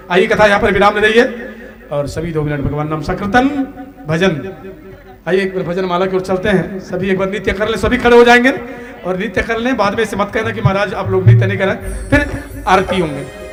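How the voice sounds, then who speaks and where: A man's voice: high voice, fairly quick, over music. A male preacher telling a devotional story dramatically and talking to his audience at an outdoor religious gathering. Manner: dramatic, declamatory, then calm asides to the audience.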